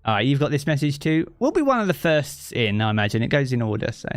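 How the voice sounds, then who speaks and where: A game streamer from southeast England talks in a mid-range voice, very animated and quick, reading chat aloud during a casual live stream. He's chatty and easygoing, thinking aloud with lots of fillers. He's in his home living room on a streaming mic with effects, and the sound is dry.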